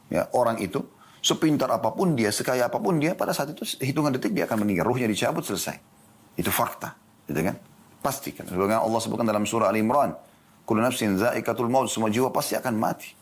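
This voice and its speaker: A man's voice: fairly low pitch, breathy edge. A man giving an Islamic lecture in a studio, asking his listeners questions and answering them himself. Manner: lively, rhetorical questions to the audience. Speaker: Islamic preacher.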